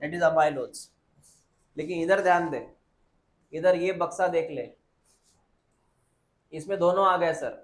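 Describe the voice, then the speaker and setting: A man with a fairly high voice teaches biology in a classroom that rings with echo. He repeats each point several times and keeps firing short questions at his students. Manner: repetitive, quizzing students with quick questions. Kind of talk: classroom lecture. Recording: echoey classroom.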